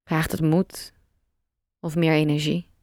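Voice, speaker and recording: A woman leading a guided meditation, speaking gently and calmly in short, spaced phrases with long pauses. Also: deep voice, no room sound, studio quality.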